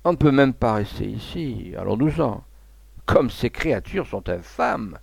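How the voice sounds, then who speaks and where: Man voicing a prim bourgeois wife, haughty, scornful, gravelly, near his own voice. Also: mid-range voice, lively intonation, a little slow, darkish tone, no room sound, heavily acted. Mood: disdainful.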